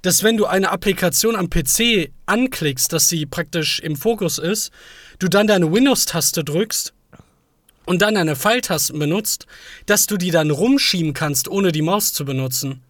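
A man's voice: high-pitched, expressive, normal speed, fairly bright tone, no echo, clean studio sound. A man in his thirties hosting a casual podcast chat, joking and rambling. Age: 30s. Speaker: podcast host.

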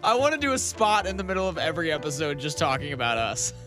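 A young man with a slightly worn, hoarse voice co-hosting a podcast in casual, sweary, joking chat. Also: on the high side, sing-song, fast talker, sharp tone, soft background music. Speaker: podcast co-host.

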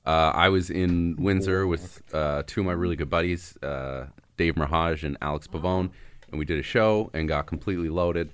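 A man's voice: low voice, fairly even intonation, normal speed, fairly bright tone, smooth. A male comedian on a radio panel, telling laid-back road stories and laughing often. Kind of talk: casual radio panel chat.

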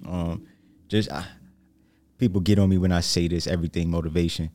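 A man from New Jersey, US, with a Brooklyn New York accent sits in the hot seat as a guest and aspiring motivational speaker. His deep, steady, slightly mellow voice moves fairly quickly through slangy, street-style casual conversation, with a little hiss or hum in the audio.

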